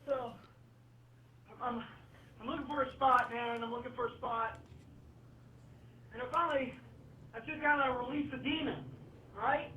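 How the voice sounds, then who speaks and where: A woman's voice: high-pitched, fairly even intonation, moderate pace, long pauses. A woman caller leaving a shaken, rambling voicemail, played back as an answering machine message. She is full of fillers and keeps saying "man" and "dude.". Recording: muffled, echoey voicemail from far off with faint hiss.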